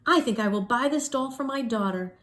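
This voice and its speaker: A woman's voice: on the high side, brisk, fairly bright tone, pitched above the performer's own voice, lightly acted. A woman voicing a gushing, easily startled lady shopper in a storybook. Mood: admiring.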